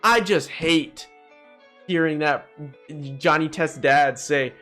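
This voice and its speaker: Here the gaming host's voice sits on the high side with a sharp edge, and he takes his time. His ranking commentary is casual, blunt and full of slang, he calls viewers "bro," and music runs underneath.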